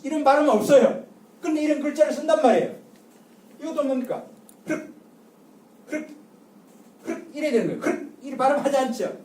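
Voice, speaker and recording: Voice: high-pitched, darkish tone. An older lecturer giving a public talk, drilling the audience with call-and-response and repeated rhetorical questions. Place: lecture room. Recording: echoey lecture room from far off.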